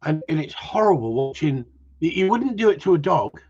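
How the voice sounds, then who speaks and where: Brisk and husky, this gundog breeder's slightly high voice swings widely in pitch as he livestreams from home on dull lo-fi audio. He rambles casually to viewers, swears constantly, switches topics and bursts out loudly.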